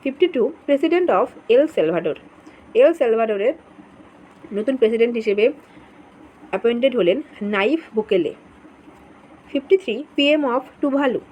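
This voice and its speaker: A woman teaching an exam-prep current affairs lesson, patiently going through a list, asking questions and answering them herself, repeating names slowly. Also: a little high, expressive, a little mellow, rough recording.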